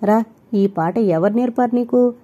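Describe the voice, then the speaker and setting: A woman voicing a lively, affectionate young wife who talks eagerly, in an audio novel. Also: on the high side, measured pace, lo-fi sound. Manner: eager, chatty.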